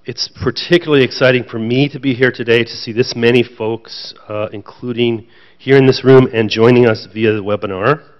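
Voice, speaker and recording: A man's voice: mid-range voice, fairly even intonation, moderate pace. A man speaking as a panel speaker at a conference, chatty, with light self-deprecating jokes. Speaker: panel speaker, association president. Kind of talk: conference remarks. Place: conference room with audience. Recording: dull lo-fi event audio.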